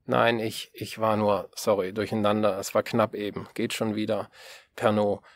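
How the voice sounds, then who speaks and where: A man voicing a teenage girl who has swapped into a boy's body, in an audiobook. She answers in clipped, faltering phrases. The voice stays close to a plain low male reading voice. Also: level tone, moderate pace, lightly acted. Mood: flustered.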